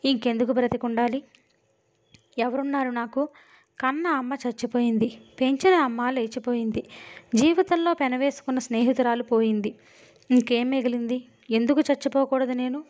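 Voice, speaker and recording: A woman reads a novel aloud in a steady, expressive storytelling voice. Her pitch sits somewhat high, and the recording is dull and lo-fi. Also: normal speed. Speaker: audiobook narrator. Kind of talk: dramatic novel reading. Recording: dull lo-fi audio.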